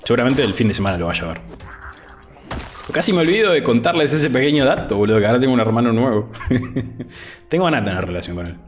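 Very animated and quick, yet with long pauses, a medium-pitched Argentine man in his twenties chats casually on his gaming livestream over soft background music. Easygoing and chatty, he reads chat aloud, often says "boludo," and uses an over-ear headset indoors at home.

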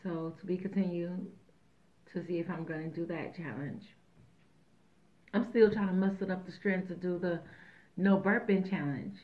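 Chatty woman with a tinny, phone-like sound. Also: on the low side. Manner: chatty, rambling, jokey. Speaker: mukbang host. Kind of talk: casual chat while eating.

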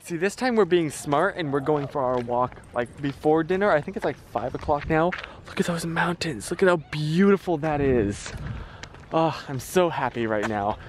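A man's voice: on the high side, animated, normal speed. A man talking casually to the camera in an upbeat, chatty way while walking a coastal trail, laughing often. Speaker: vlogger. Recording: clear outdoor background noise.

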